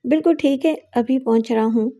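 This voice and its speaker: A woman's voice: sits high, mellow. A woman voicing a blunt young male accomplice.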